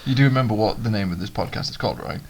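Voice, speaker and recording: A man's voice: on the low side, very fast, gravelly. A man joking in casual podcast chat. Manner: joking, loose. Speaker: podcast co-host.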